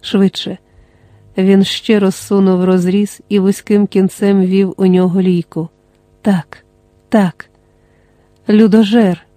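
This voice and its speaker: An audiobook narrator reading a dramatic novel in a measured, dramatic way. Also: medium pitch, level tone, dark tone, no echo.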